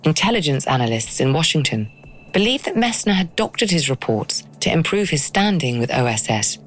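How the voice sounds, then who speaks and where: A woman's voice: deep voice, very animated, fairly quick, soft background music, rough recording. A woman delivering scripted narration as the host of a documentary podcast.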